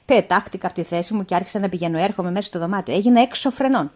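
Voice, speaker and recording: A female storyteller giving an expressive, animated read-aloud narration. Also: medium pitch.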